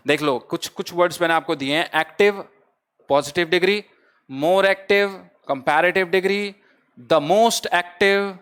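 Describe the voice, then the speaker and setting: A man's voice: on the high side, clean tone. A man teaching exam grammar. He keeps putting questions to his students, answers them himself, and calls his listeners brother. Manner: asks the class a question, then answers it himself; lively, teasing, lightly humorous. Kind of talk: exam-prep grammar lesson.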